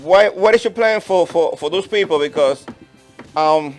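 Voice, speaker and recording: A man on a talk show presses his guest with pointed questions. He hesitates and repeats words as he goes. His voice sits slightly high for a man, with faint music underneath. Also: normal speed.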